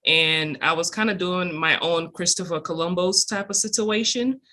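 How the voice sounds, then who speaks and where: A woman's voice: on the low side, steady tone, moderate pace, pushed and bright. A woman from Cameroon, a guest entrepreneur, answering interview questions in a chatty, upbeat way with many fillers.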